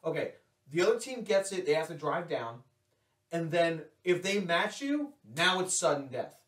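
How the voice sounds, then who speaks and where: A young man co-hosting a casual sports podcast, rambling excitedly with restarts and swearing. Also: a little high, normal speed. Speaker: podcast co-host. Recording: echoey room, distant from mic.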